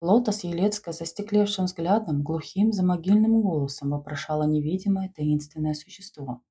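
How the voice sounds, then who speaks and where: Woman narrator, very husky, dark mellow tone, low-pitched, expressive storybook reading. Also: moderate pace. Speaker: audiobook narrator.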